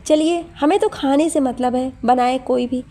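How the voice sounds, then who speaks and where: A woman's voice: high-pitched, moderate pace, dark tone. A woman voicing an older, jovial husband who teases in a cheerful way, in a storybook reading. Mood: teasing. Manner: jolly and teasing.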